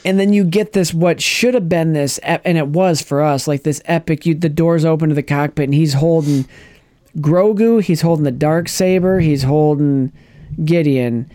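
A man chatting casually on a podcast, retelling a TV episode with lively acted-out lines and frequent restarts. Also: on the high side, normal speed, no echo, clean studio sound. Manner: animated storyteller, acts out characters' lines, restarts often. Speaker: podcast co-host. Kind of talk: casual chat recapping a TV episode.

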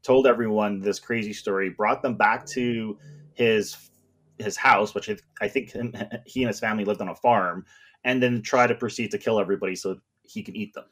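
Man, casual film podcast chatter, excitable and rambling. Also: on the low side, normal speed. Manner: enthusiastic, rambling with many fillers.

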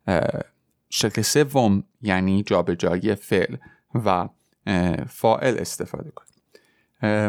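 A man teaching a French lesson, explaining step by step and repeating French example sentences slowly. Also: fairly low pitch, darkish tone, no echo, clean studio sound. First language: Persian. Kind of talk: podcast language lesson.

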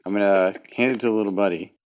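A man's voice: on the low side, steady tone, quick pace. A man chatting casually while playing a tabletop game. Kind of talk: casual chat.

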